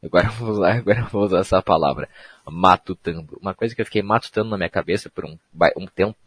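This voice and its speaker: Young man, slangy solo podcaster, husky and dry. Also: low-pitched, quick pace, no room sound. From Brazil. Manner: rambling, slangy, self-mocking. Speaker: podcast host. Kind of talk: casual solo podcast monologue.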